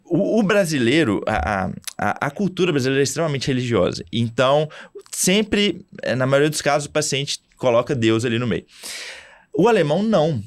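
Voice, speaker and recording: Man, young adult, Brazilian Portuguese accent, podcast host, animated storytelling, medium pitch. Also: normal speed. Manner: animated storytelling, with many restarts. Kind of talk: casual podcast chat.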